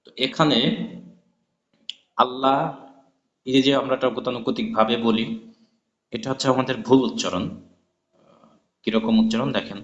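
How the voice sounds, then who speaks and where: A man gives a spoken lesson on recitation in a mid-range voice, patiently spelling letters aloud and now and then drawing a word out into a slow chant. The recording is echoey and sounds dull and lo-fi. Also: mid-range voice, fairly even intonation. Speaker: Quran recitation teacher.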